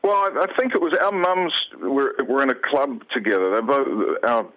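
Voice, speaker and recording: A man from New Zealand, a guest on a radio show, talking with emotion, halting and restarting often. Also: mid-range voice, fairly bright tone, dull audio. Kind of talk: phone interview on radio.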